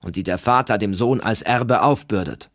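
A man's voice: fairly low pitch, normal speed, no room sound, studio quality. A man reading aloud, voicing a determined young Norse leader who pleads earnestly. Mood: urgent.

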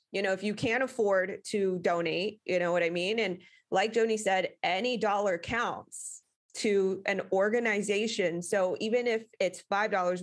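Meandering woman podcast host. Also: medium pitch. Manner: meandering, many fillers, explanatory. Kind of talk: casual faith-based talk.

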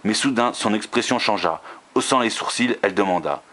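A man reading a romance novel aloud, steady, with occasional slips and restarts. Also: fairly low pitch, a little fast.

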